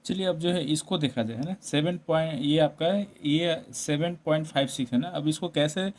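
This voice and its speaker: In a classroom-style maths lesson, a man with a somewhat high, darkish voice speaks at normal speed. He explains step by step in Hindi, mixing in English number words and often checking in with tag questions.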